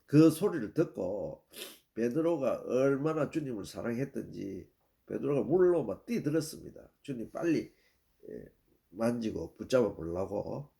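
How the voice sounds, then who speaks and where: A man's voice: medium pitch, very animated, unhurried, creaky, dark tone. An older man from the region preaching a sermon, retelling a scripture story in a plain way and often stopping to say "yes" before going on. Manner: plain storytelling with repeated "예" and restarts.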